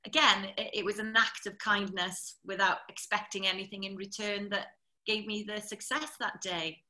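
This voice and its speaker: A woman's voice: mid-range voice, moderate pace, low-quality recording. A woman, a TV presenter, chattily telling stories as an interview guest. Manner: chatty, lively storyteller. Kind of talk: anecdotal storytelling.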